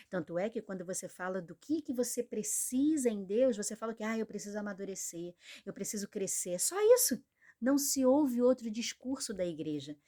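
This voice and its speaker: A young woman with a Brazilian Portuguese accent preaches a sermon in an earnest, conversational manner, frequently using tag questions to check in with her listeners. Her voice is on the high side and warm.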